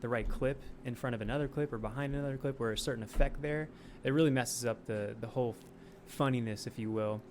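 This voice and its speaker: Male guest, late 20s, rapid and lively podcast chatter, light background noise. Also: mid-range voice. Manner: animated, swearing, laughing often. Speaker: podcast guest, sketch comedian. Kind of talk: casual podcast chat.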